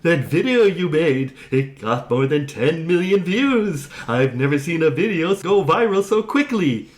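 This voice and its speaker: A man's voice: fairly high pitch, sing-song, measured pace. A man voicing a cheerful male friend who keeps encouraging, in a chipper, reassuring way. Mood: excited.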